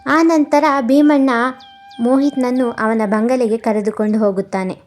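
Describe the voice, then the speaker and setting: A woman narrates an animated moral story in a steady, plain manner. Her voice sits fairly high. Faint background music plays beneath her. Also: moderate pace.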